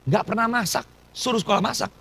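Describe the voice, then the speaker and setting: Husky-voiced Indonesian pastor telling his story. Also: high voice, expressive, fast talker, bright, forceful tone, rough recording. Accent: Surabaya Indonesian. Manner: storytelling, mixing in English phrases. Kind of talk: sermon testimony.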